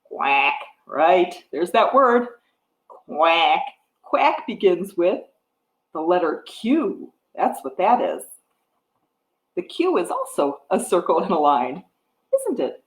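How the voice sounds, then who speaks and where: A woman in her forties reading a picture book aloud to toddlers in a sing-song way, pausing to ask them simple questions. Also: lowish voice, sing-song. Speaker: children's storytime host. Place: wood-floored living room with a piano, indoors. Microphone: webcam or device mic at about arm's length. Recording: echoey room, device microphone.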